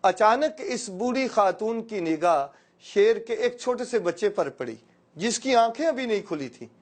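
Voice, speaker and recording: A man's voice: high-pitched, animated. A man from Pakistan, an educator, giving a motivational speech and telling a story with playful asides to his listeners.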